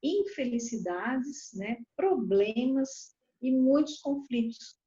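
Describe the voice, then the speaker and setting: A Brazilian woman, a lawyer, explaining calmly and acting out quoted dialogue animatedly. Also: high voice, slow. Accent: Brazilian Portuguese. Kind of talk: explanatory talk. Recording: dull lo-fi recording.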